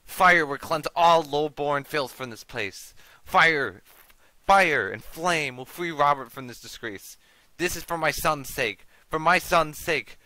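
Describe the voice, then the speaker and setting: A man's voice: medium pitch, moderate pace, pushed and bright, no echo, rough recording. A man putting on a raving old mad nobleman. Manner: ranting, raised and menacing. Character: gaunt, mad old male nobleman, tormented by guilt.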